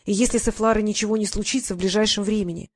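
A woman's voice: medium pitch, fairly even intonation, racing, husky, no echo, studio quality, close to an everyday voice. A woman voicing an earnest, talkative teenage boy who explains things at length.

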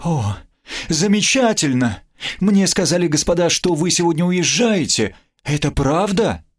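A man's voice: a little high, lively intonation, unhurried, husky, voice pushed up. A man voicing a flirtatious, lonely woman innkeeper who speaks in a sweet, purring way.

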